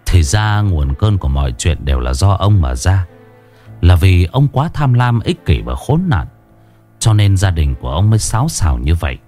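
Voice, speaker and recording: A man's voice: low-pitched, big pitch swings, moderate pace, soft background music. Man doing a wailing grief-stricken old father. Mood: wailing despair. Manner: wailing, loud anguished outbursts. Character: older male village father, grief-stricken and crying out.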